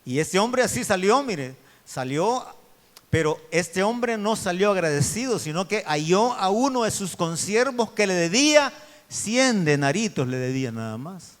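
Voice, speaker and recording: Man, preacher, high voice, evangelical sermon, long hall reverb, church hall, drawn-out phrases and quick asides. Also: big pitch swings. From El Salvador.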